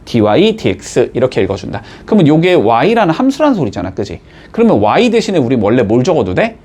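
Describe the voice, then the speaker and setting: A man teaching a math class, explaining step by step and checking in with his students with quick rising tags. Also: medium pitch, huge pitch swings, darkish tone, husky. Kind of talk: classroom lecture.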